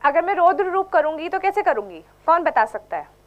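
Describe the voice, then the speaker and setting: A woman's voice: very high-pitched, sing-song, a little fast, muffled recording. A young woman teaching a dance class to children, mixing Hindi and English and coaxing them with questions. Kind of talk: teaching children in an online workshop.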